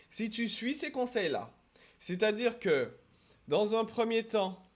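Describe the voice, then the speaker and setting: A man from France teaching English in a casual video lesson, emphatic, repeating words for stress and talking straight to the viewer. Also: sits high. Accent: French accent when speaking English. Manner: addresses viewer directly with quick asides.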